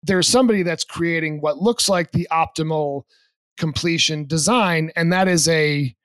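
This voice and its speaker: A man's voice: on the high side, moderate pace, a bit bright, no echo. A male podcast host in a casual interview, who makes puns, repeats his own jokes and sums up his guest's points.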